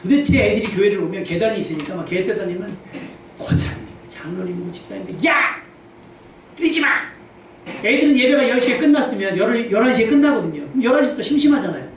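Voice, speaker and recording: A man preaching a lively, humorous sermon as pastor, acting out little quoted scenes. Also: high voice, very fast. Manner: animated, humorous, acts out quotes. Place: church sanctuary. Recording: very echoey church hall, distant mic, faint noise.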